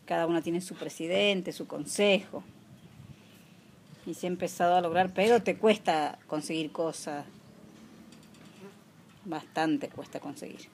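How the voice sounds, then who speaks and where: Her fairly low voice comes slowly, with long pauses, as this woman in her forties answers informal oral history interview questions plainly and a bit hesitantly. An artisan weaver from rural Mendoza province, she has a rural Argentine Spanish accent, and clicks and noticeable noise fill the background.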